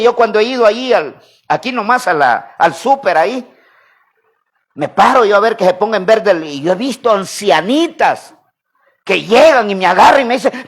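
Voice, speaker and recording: A Salvadoran man preaching a sermon, calling on the congregation to repeat after him and swinging between loud emphasis and quiet asides. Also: high-pitched. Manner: call-and-response preaching, asks congregation to repeat. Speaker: pastor.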